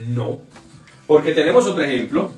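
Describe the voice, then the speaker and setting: High, lively male teacher, echoey room. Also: unhurried, distant mic. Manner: explains by repeating words over and over. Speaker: English teacher. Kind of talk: live online class. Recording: echoey room, off-mic, faint music.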